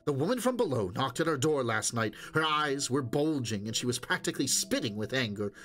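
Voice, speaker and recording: A man voicing a brisk, bossy young wife who scolds her husband. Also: medium pitch, very animated. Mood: scolding. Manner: sharp, scolding, exasperated.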